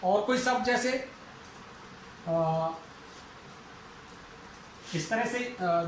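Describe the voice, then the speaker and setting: A male teacher from India giving a phonetics lesson, slowly repeating and drawing out example words. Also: high-pitched. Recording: very echoey room, faint noise.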